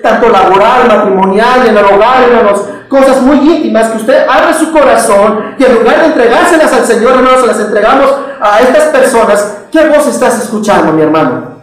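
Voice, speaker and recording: A man's voice: high-pitched, far from the mic. Preacher man in an echoey hall. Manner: keeps addressing listeners as brothers, many rhetorical questions. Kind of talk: sermon. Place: church.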